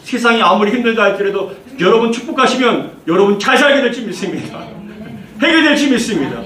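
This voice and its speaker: Recorded from a distance in an echoey church hall with faint noise, a male pastor preaches fervently in the sanctuary, leading scripture readings and repeating key phrases. His high-pitched voice is expressive and sharp-toned, and he talks at a quick pace.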